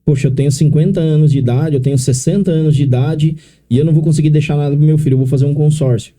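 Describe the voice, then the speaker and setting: A middle-aged consórcio specialist from São Paulo, Brazil, guests on a podcast, speaking São Paulo Portuguese in a slightly high, mellow voice. He talks quickly with fairly even intonation, explaining things step by step and often tacking on tag questions.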